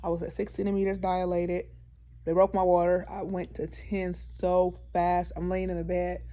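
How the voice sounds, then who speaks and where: A woman's voice: fairly low pitch, level tone, moderate pace, mellow. Young woman vlogger, chatty and candid, calls her viewers y'all. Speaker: YouTuber. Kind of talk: casual storytime vlog.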